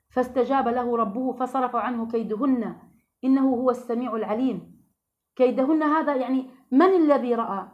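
A woman's voice: sits high, highs cut off. A woman teaching a religious lesson to women, earnest and asking her listeners questions.

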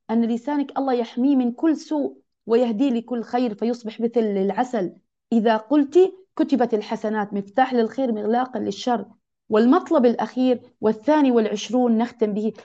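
A woman's voice: fairly high pitch, fast talker, dark tone. A woman teaching a religious lesson to other women, earnest and exhorting, repeating key phrases. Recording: dull lo-fi recording.

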